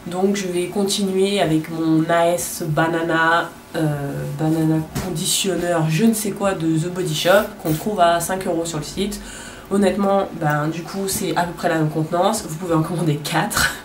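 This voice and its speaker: A young woman chats away about her hair routine, crude and quick to mock herself. She sounds a little off-mic, in a roomy, echoey bathroom. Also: fairly low pitch, fairly even intonation, recorded from a distance, noisy background. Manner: chatty, crude, self-mocking. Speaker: beauty vlogger. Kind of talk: casual chat. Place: home bathroom.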